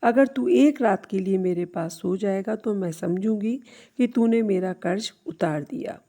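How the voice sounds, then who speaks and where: A woman voicing an aging mother who speaks calmly and gently in a storybook tale. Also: mid-range voice, measured pace. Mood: gentle. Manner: calm and gentle. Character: aging mother, patient, loving, stern.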